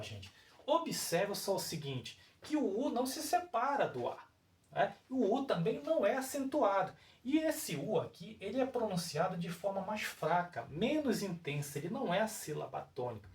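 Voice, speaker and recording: A teacher with a Brazilian Portuguese accent giving a whiteboard grammar lesson, explaining step by step and often checking in with the viewers. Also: mid-range voice. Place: room with a whiteboard. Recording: roomy echo, voice far from mic.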